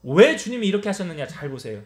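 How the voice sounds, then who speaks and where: A man's voice: high voice, very animated, fast. A male pastor preaching a Wednesday service sermon and acting out the lines of the people in his story. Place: church sanctuary. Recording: echoey church hall.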